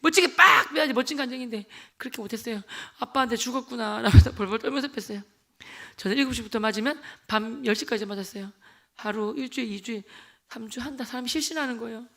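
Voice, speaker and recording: A man in his forties giving a lively church testimony in a sanctuary, telling his story with animated storytelling and acting out the voices of the people in it. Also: very high-pitched, fast. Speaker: lay deacon giving testimony.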